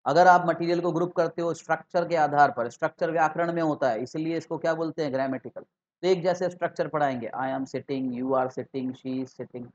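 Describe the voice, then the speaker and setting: A man gives an online exam-prep lesson in a fairly high voice, stopping often to ask his students whether they follow. He repeats key terms and builds each point slowly. The recording sounds slightly dull and lo-fi. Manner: explanatory, repeats key terms, asks the class questions. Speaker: English teacher for exam prep. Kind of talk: online exam-prep lecture mixing Hindi and English terms.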